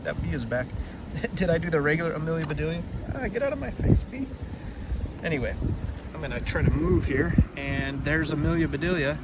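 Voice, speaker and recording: Brisk and expressive with a fairly high voice, a man leads a relaxed children's read-aloud by a river, chatting through a kids' book summary and wandering off on tangents. The outdoor recording carries a lot of noise.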